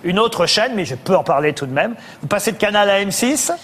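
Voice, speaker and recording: A man's voice: high voice, expressive, a little fast, fairly bright tone. A man hosting a talk show, interviewing his guest and presenting items in a conversational way.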